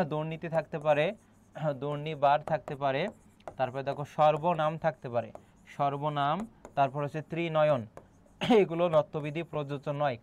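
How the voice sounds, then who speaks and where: A middle-aged, Bangladeshi Bengali-accented senior teacher holds an online admission-prep class, laying out explanations step by step, often quizzing the students and clearing his throat repeatedly. His voice leans high, and the audio sounds dull.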